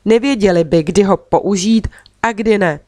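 A woman's voice: medium pitch, warm tone, dry recording. Woman reading a children's story, dry. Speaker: audiobook reader.

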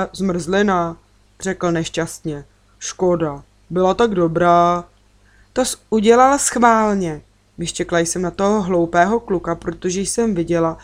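A woman narrating a children's story gently, lifting her voice for the children's lines. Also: lowish voice. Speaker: audiobook reader.

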